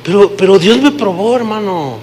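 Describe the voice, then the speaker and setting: A middle-aged Mexican pastor preaches in a high-pitched voice. He tells a personal story and acts out each quoted line, moving between loud and hushed delivery. A faint hum sits behind him. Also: expressive, normal speed. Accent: Mexican Spanish. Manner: storytelling, acting out quoted dialogue with shifting pitch and volume. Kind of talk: sermon.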